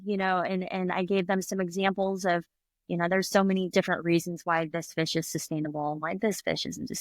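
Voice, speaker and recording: A medium-pitched woman is captured in a dry recording. Middle-aged and a native English speaker, this restaurant owner is an interview guest telling stories casually and chattily, laughing often and acting out quoted voices.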